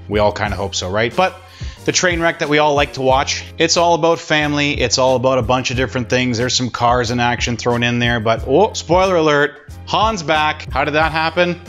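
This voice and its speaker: A man of ordinary pitch talking in a loose, joking vlog voice. He makes dry, sarcastic quips between his points, with a little music faint underneath. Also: a little fast, fairly bright tone. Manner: sarcastic, wisecracking. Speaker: car commentary vlogger. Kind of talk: casual commentary.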